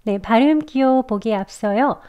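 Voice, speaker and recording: A Korean-speaking woman teaching English pronunciation step by step, slowly repeating example words. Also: fairly high pitch, clean tone, dull audio. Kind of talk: pronunciation lesson.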